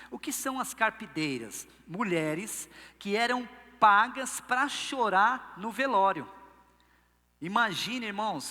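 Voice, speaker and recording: A man's voice: high-pitched, bright, forceful tone, long reverb tail. A male pastor with a Brazilian Portuguese accent preaching a sermon, telling stories playfully and acting out quotes. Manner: playful storytelling, acts out quotes. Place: church service.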